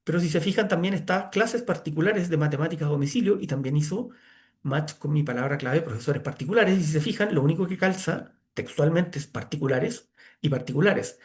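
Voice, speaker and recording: A man's voice: on the high side, brisk. A man giving a screen-share tutorial as an online course instructor, talking conversationally with many "eh" fillers.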